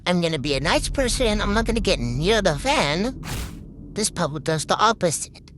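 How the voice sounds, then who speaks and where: A woman's voice: lowish voice, normal speed. A woman commenting casually on her own gameplay footage, exasperated and rambling, restarting her sentences often. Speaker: gaming video creator. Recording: steady background noise.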